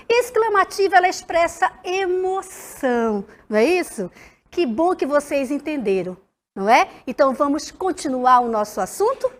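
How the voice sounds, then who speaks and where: A woman primary school teacher, giving a recorded lesson to children in an animated, sing-song way and addressing them directly. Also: high-pitched.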